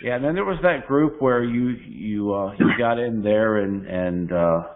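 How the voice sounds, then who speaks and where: Deep-ish guy on a phone line, chatting loosely, drops off quiet at the ends. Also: a little slow. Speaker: anti-scam blogger on a group call. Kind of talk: casual reminiscing chat. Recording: tinny phone-line audio.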